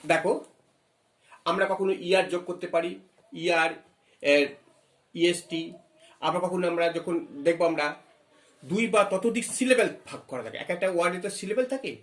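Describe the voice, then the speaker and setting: A man's voice: high-pitched, reverberant. A man teaching an English grammar lesson, explaining step by step, asking questions and spelling words letter by letter. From West Bengal. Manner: reads English phrases slowly.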